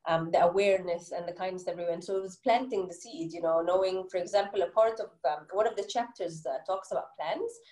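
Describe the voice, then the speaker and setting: A middle-aged Egyptian woman with an Egyptian English accent, a children's book author appearing as a guest, answers interview questions earnestly and fills her speech with "you know." Her voice sits on the low side with a dark tone, and she talks fast with few pauses. The recording is poor and the room is echoey.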